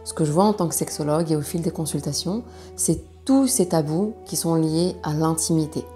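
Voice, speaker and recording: A woman speaking as a sexologist, explaining things to viewers in a measured, educational way with hesitant pauses. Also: low-pitched, mellow, soft background music. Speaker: sexologist presenting a video.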